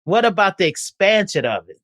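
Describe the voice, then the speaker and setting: A man with a somewhat high voice is interviewed and recounts what his community went through, plainspoken and earnest. The sound is dry, with no room echo. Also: very animated, brisk, a bit bright. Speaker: community organizer.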